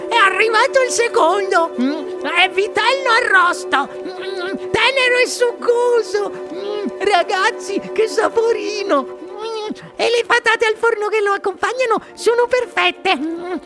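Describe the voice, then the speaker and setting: A woman's voice: very high voice, normal speed, over loud music. A woman voicing a greedy, pushy young girl in an audiobook reading, eager and smacking her lips with delight.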